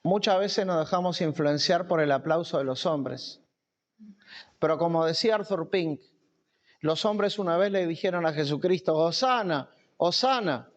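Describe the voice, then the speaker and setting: A man's voice: fairly high pitch, normal speed. A man preaching a sermon at a church camp, emphatic and repeating key phrases.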